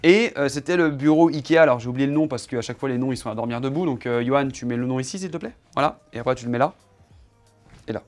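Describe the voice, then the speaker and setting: A man's voice: mid-range voice, quick pace, soft background music. A man in his home office chatting casually to camera, showing off his setup and teasing his cameraman in a playful, joking way.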